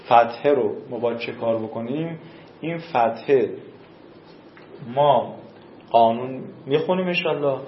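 A male teacher giving a classroom grammar lesson, explaining slowly and repeating rules, with questions for his students. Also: medium pitch, roomy sound, dull audio, slight background noise.

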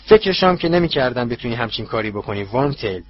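A man voicing a cruel, ruthless dark master who speaks in a cold, contemptuous, husky voice. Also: medium pitch, animated, no room sound, lo-fi sound. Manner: cold, slow and menacing, contemptuous. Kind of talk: audiobook character voice.

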